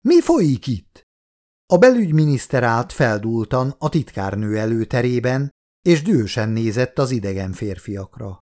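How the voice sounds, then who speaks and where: Man, audiobook narrator, mid pitch, steady scripted reading.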